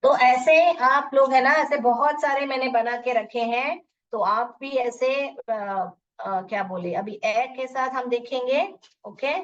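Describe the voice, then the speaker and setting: A woman's voice: high voice, slight background noise. A woman teaching phonics in a live online class, sounding out letters one by one and mixing Hindi explanations with English words. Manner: drills sounds slowly, letter by letter. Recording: dull distant lo-fi audio.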